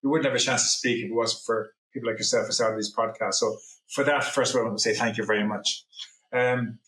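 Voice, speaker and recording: A middle-aged Irish man, a guest on a video call, tells his own story as personal testimony in an interview, rambling and earnestly correcting himself. His medium-pitched voice is steady and a bit bright, at a quick pace. The recording is rough and roomy.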